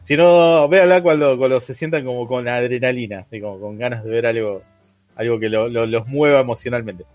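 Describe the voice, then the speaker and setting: A man's voice: mid-range voice, fairly quick, darkish tone, no echo, soft background music. A young man with a Rioplatense accent, chatting casually about a movie as podcast co-host, with many fillers and restarts, in a dry recording. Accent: Rioplatense Spanish. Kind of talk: casual film review chat.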